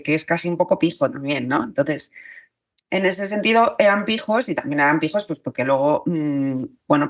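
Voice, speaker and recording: A woman, a journalist and author talking as a podcast guest, thinking aloud with many fillers and restarts. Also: lowish voice. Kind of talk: podcast interview.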